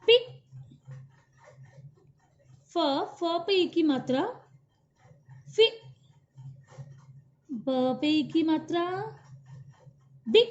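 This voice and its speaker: Slow, patient woman teaching the alphabet. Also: high-pitched, a little mellow. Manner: patient, repeats syllables aloud for children to follow. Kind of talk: slow Hindi alphabet lesson for young children. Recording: dull lo-fi recording.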